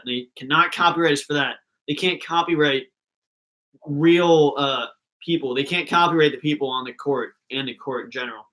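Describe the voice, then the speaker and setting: A man's voice: mid-range voice, pushed and bright, rough recording. A young man hosting a live fan reaction stream, chatting casually and rambling between thoughts.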